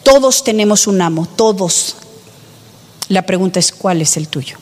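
A woman's voice: medium pitch, expressive, measured pace. Woman preaching in a reverberant hall. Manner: emphatic, rhetorical questions to the congregation. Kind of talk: sermon.

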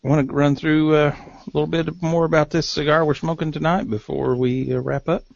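A man's voice: on the high side, flat delivery, moderate pace, vocal fry, no echo, muffled recording. A man with an Appalachian hillbilly accent, chatting casually as co-host of a podcast. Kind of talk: casual cigar talk.

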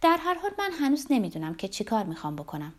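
A cold, spiteful young woman from an audiobook, clipped and scornful, as a female reader puts her on. Her pitch jumps around with lively swings, a little higher and louder than the narration around her. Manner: curt, scornful.

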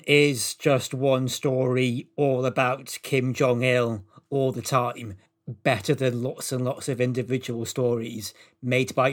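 A man co-hosting a comedy chat, delivering prepared, absurd facts in a deadpan, even manner. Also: mid-range voice. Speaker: co-host presenting the topic.

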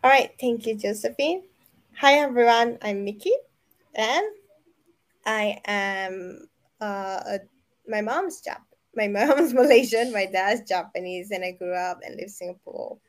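A woman co-hosting a casual podcast who rambles, halts and corrects herself as she talks. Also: mid-range voice. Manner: rambling, halting, self-correcting. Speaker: podcast co-host.

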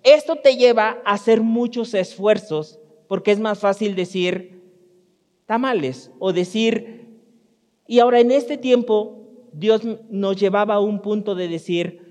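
A very high-voiced man preaches a conversational sermon, talking directly to the congregation and often restarting his sentences. His voice rings with the long reverb of a church hall. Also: unhurried, darkish tone. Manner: speaks directly to the congregation, storytelling with frequent restarts. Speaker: pastor.

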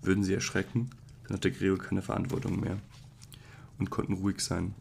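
A man narrates a classic novel as an audiobook. His voice is very low and monotone, with heavy vocal fry. A faint background hiss runs under the measured reading. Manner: measured, even reading with occasional slips. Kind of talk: calm literary audiobook narration.

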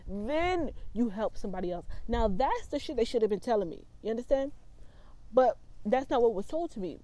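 A woman's voice: on the high side, lively intonation, moderate pace, dark tone. A woman in her twenties telling a personal story in a vlog, talking in a blunt, profane and emphatic way. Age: 20s. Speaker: vlogger.

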